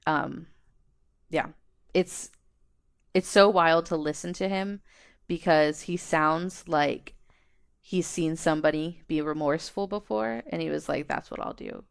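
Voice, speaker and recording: Low, gravelly-smooth woman podcaster. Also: a little slow, long pauses. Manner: chatty, self-deprecating, frequent ums. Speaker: podcast co-host. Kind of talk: casual chat, reading call transcripts aloud.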